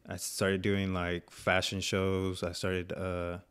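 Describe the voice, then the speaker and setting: Laid-back deep-voiced young man from Venezuela. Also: monotone, slow pace, fairly bright tone, smooth. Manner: laid-back, rambling with many fillers. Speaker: guest photographer. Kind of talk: casual podcast chat.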